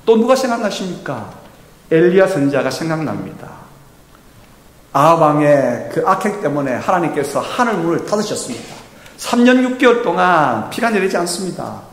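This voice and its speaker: A man's voice: on the high side, sing-song, normal speed. A man preaching a Sunday sermon with emphasis, now and then acting out quoted speech. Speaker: pastor. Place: church sanctuary. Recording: echoey church hall.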